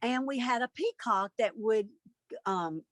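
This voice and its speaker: A woman's voice: fairly high pitch, lively intonation, measured pace. A woman, a guest telling stories in casual interview chat over a video call. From Alabama, USA. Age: 50s. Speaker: guest, mother of a host.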